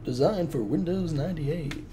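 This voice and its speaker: A man's voice: a little high, normal speed, background noise. A man in his thirties chatting casually on a live stream as a game developer, rambling and joking at his own expense. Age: 30s. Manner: joking, rambling self-mockery.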